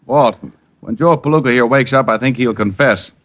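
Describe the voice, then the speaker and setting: A man's voice: mid-range voice, moderate pace, lightly acted. Richard Diamond, a man playing a wisecracking private eye. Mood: wry, knowing. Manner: breezy, wry. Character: cocky, wisecracking, flirtatious male private detective. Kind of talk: old-time radio detective drama acting. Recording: dull vintage radio recording.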